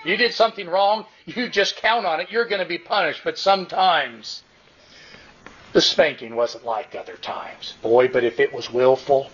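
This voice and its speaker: A high-pitched man preaches with a husky grain in his voice. He is emphatic and repeats his key lines, slowing down to drive each point home. The recording sounds dull and lo-fi. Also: fairly bright tone. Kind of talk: sermon.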